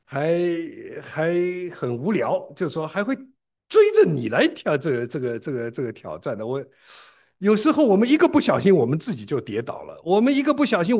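A man preaches, his voice riding a touch high and leaping up and down as he tells a story to the congregation. He often stumbles over and repeats his words, then pushes on with lively emphasis. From Shanghai, China. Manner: animated storytelling with big pitch swings and frequent repeated restarts. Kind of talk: sermon with a personal story.

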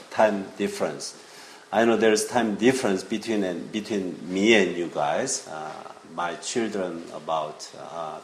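An older Korean man in his 50s or older, a visiting preacher and seminary teacher, gives an informal sermon to young people in halting English, often checking in with his listeners. His voice is low. Recorded in an indoor church room, the audio is echoey with faint noise.

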